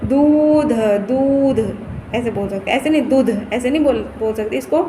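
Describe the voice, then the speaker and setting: A woman's voice: a little high, rapid-fire, warm tone. A woman teacher patiently explaining Hindi vowel signs, repeating and stretching each word. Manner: patient, repeats and stretches words, points at the board. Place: classroom. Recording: echoey room with faint noise.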